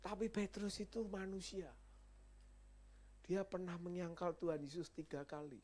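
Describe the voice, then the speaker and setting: A male evangelist preaching a sermon, emphatic, with loud peaks and soft asides to the congregation. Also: sits high, flat delivery, moderate pace.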